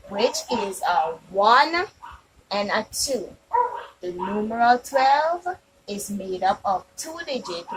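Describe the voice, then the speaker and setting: A woman teaching small children in a kids show host manner, sing-song, asking questions and answering them herself, on a noisy home recording. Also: mid-range voice.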